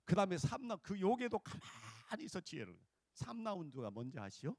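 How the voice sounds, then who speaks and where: A male pastor delivers a revival sermon in a lively, swooping voice that sits fairly high. He tells stories, acts out the people in them, and has the congregation repeat after him. The sound is dry and close. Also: a little fast, dry recording. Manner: animated storytelling, acting out quotes and leading call-and-response.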